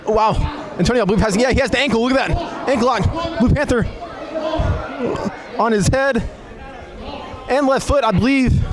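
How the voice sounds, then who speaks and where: A man's voice: very high-pitched, normal speed, long pauses. A man commentating live on lucha libre wrestling as an announcer, in a conversational, hesitant way with admiring exclamations. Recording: live event recording with crowd noise. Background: wrestling crowd.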